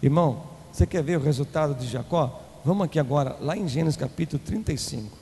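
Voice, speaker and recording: Gravelly Brazilian preacher in a reverberant hall. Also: male voice. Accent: Brazilian Portuguese. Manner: shifts between loud declaiming and fast low asides to the congregation. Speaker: apostle preaching. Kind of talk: sermon. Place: church hall. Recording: long hall reverb, faint room noise.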